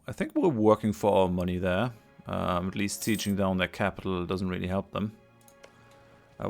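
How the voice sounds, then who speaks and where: This man's voice is low-ish and creaky as he plays a strategy game and comments casually for his let's play. He's hesitant, thinking out loud with lots of fillers and false starts, and he sounds tired.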